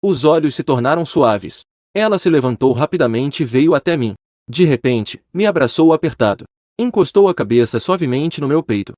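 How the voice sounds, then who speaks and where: A man reading a romance story aloud as first-person narration, in a steady scripted reading tone. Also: fairly high pitch, moderate pace, no room sound, studio quality.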